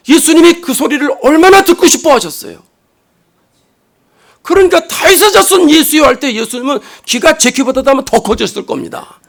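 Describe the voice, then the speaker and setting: High-voiced gravelly man preaching. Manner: swings between loud emphatic rises and quiet low asides; acts out quoted lines dramatically. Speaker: pastor. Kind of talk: sermon. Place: church sanctuary.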